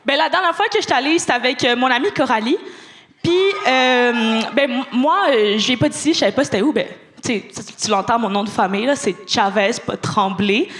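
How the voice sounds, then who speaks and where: A young woman with a Quebec French accent, telling a story as a stand-up comedian on a club stage and acting out the voices in it. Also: fairly high pitch. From Montreal. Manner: lively storyteller, acts out quoted voices. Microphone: handheld stage mic.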